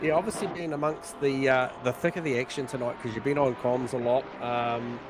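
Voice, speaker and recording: Matey Australian race commentator over loud noise. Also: male voice, medium pitch, steady tone, brisk. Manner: matey, blokey, rambling. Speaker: motorsport commentator and interviewer. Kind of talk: casual live race commentary. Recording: loud engine-like noise behind the voice.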